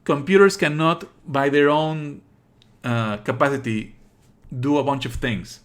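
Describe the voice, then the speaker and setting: On a livestream, a man with a smooth voice on the high side delivers casual commentary about a game. He comes across as opinionated and scornful, swearing as he explains haltingly and repeats phrases.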